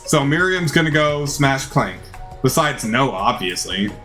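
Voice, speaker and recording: This is a man acting out a video game's story as he plays through it, his medium-pitched voice unhurried, fairly bright, and lively in intonation. The reading is theatrical, with the occasional stumble, set against game music.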